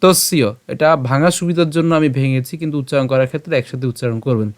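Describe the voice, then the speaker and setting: A slightly high, smooth and resonant male voice walks listeners through a verse syllable by syllable, like a patient recitation teacher. He stretches the verse lines out in slow chanting and keeps checking in to make sure everyone follows. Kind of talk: step-by-step pronunciation lesson.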